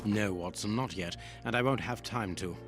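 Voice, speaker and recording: A man voicing a stiff, aloof detective from a video game cutscene, his voice pitched low. He speaks in a flat, unemotional way, clipped and unhurried, with music behind him. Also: lightly acted. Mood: curt. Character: stiff aloof male detective, middle-aged.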